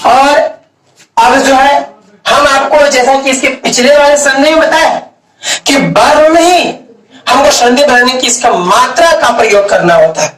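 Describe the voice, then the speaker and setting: Recorded from a distant mic in an echoey room, a man with an extremely high, somewhat bright voice gives an unhurried grammar lesson at a board. He asks his own questions, answers them, and draws out key words.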